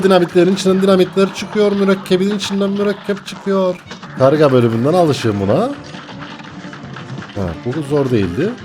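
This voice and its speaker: A young man talks through a hard video game in an excitable, jokey way. His voice sits a little high, and he swings from mock panic to laughter. Faint game music plays behind him. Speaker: gaming YouTuber. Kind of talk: live gameplay commentary.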